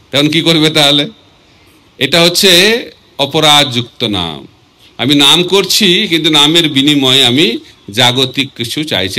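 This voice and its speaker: A man giving a devotional sermon, asking rhetorical questions and reciting verses slowly. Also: a little high, bright, forceful tone. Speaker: swami preacher.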